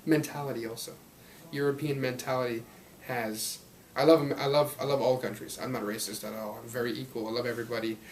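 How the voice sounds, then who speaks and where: This is a low-quality recording of a twenties actor, raised partly in Belgium and linked to Los Angeles, guesting in a casual interview about his career. He talks briskly in a steady, medium-pitched voice, rambling in an upbeat way and laughing often.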